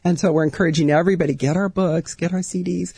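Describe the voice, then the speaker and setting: A woman in her fifties, a marriage counselor guest on a radio show, outgoing and energetic, her voice hoarse from allergies. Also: lowish voice, fast talker. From Southern California. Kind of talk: radio interview. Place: radio studio.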